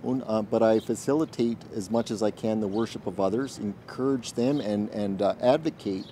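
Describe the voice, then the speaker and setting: Brief: male chaplain in his forties, thoughtful and searching for words, low and warm, outdoor interview. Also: slight background noise. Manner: earnest, thoughtful, pauses often to find words. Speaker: military chaplain and minister. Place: outdoors in a garden.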